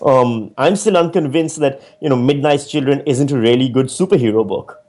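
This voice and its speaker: A man from Pakistan, an author and stand-up comedian, talking through his ideas in a casual interview, reflective and animated with frequent restarts. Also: mid-range voice, moderate pace.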